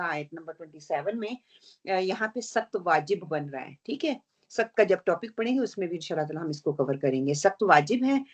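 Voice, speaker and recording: A woman teaching Quran recitation rules in an online lesson, explaining patiently, checking in with her students, and slowly reciting example verses. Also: fairly low pitch. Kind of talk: online tajweed lesson, mixing Urdu and English.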